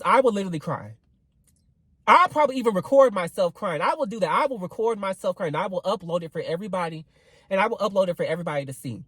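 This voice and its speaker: A young man in his twenties vents to his viewers in a loose, rambling rant, swearing freely. His pitch swings widely as he talks. The sound is dry and close, with no room around it. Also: dry recording, rough recording. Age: 20s. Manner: animated and expressive, swearing freely, rambling with fillers. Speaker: vlogger. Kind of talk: casual venting rant to camera.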